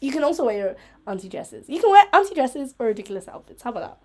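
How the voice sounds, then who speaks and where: A young woman hosting a casual solo live stream chat, rambling through tangents with lots of "like", giggling and getting excitable. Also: high voice, very fast. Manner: rambling, full of "like", tangents and self-interruptions.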